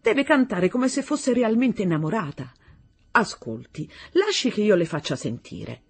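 A woman voicing a gallant male singing teacher who coaxes his pupils with fervour, her voice breathy. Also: medium pitch, very animated, unhurried, darkish tone, pitched above the performer's own voice, heavily acted. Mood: coaxing. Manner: fervent, coaxing.

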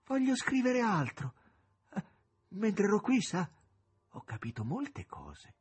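A man voicing an agitated, eager young male poet, pleading in an excited, husky tone. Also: high-pitched, slow, pitched above the performer's own voice, heavily acted. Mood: wistful.

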